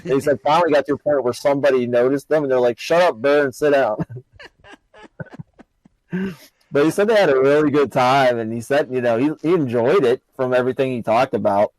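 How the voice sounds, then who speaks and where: A man co-hosting a podcast, relaxed and laughing as he retells a sports story. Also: medium pitch, fast, no echo, poor audio. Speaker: podcast co-host. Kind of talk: casual sports chat.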